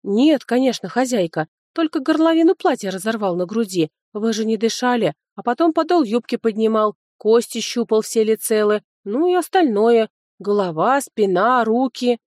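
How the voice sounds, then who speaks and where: A woman doing an excitable gossipy maid. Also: fairly high pitch, normal speed, no room sound, studio quality, natural voice. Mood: excited. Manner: breathless, exclaiming, gossipy. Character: chattering young female servant, excitable.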